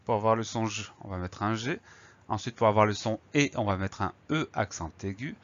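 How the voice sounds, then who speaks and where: A man's voice: on the low side, a little fast, highs cut off. A man teaching a spelling lesson, patiently spelling words out letter by letter.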